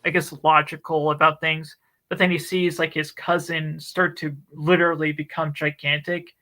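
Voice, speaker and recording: A man's voice: a little high, moderate pace, rough recording. A man co-hosting a book club stream, retelling a story in casual chat with lots of fillers. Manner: animated, chatty retelling with many fillers. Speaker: book club podcast co-host.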